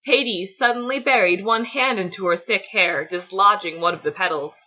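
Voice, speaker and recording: A woman storyteller narrating a dramatic story reading in an expressive, lilting way. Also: medium pitch, normal speed, highs cut off.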